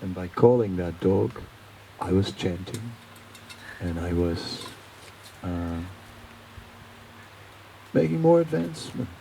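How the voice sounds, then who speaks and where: A man telling his life story to an audience as an animated storyteller who often laughs and pauses with fillers. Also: low voice, vocal fry. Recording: noisy live talk recording.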